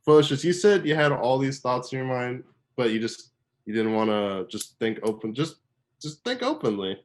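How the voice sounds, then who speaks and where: A young man, a photographer guest on a podcast, chatting casually in a soft, self-described monotone. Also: mid-range voice, moderate pace. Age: young adult.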